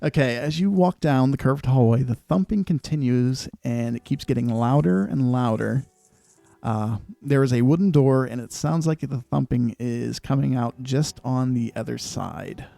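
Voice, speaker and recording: A man narrating a tabletop game as game master, describing scenes in a measured way with many fillers. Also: mid-range voice, gravelly, dark tone, no room sound, soft background music.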